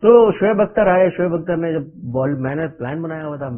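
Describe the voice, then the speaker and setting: A man's voice: a little high, expressive. A middle-aged man from Pakistan, a cricketer guest telling stories in loose, run-on sentences and chuckling often. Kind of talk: anecdotal interview storytelling. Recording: narrow phone-like radio audio.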